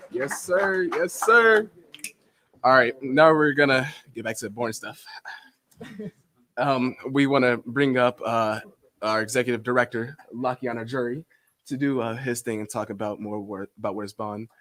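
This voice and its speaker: A man's voice: mid-range voice, fairly even intonation, moderate pace, a bit bright. A young man emceeing a community event, casual and grateful as he introduces the next speaker.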